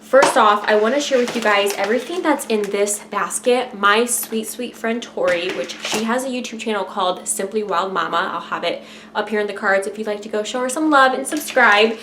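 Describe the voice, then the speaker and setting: A woman's voice: medium pitch, moderate pace, fairly bright tone, slight background noise. A woman talking casually and directly to viewers in an informal, chatty vlog style. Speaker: vlogger.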